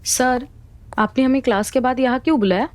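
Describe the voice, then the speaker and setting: A woman's voice: high voice, fairly quick, darkish tone, lightly acted. A woman playing a polite young student. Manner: polite, deferential to teacher. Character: young female student from a poor family.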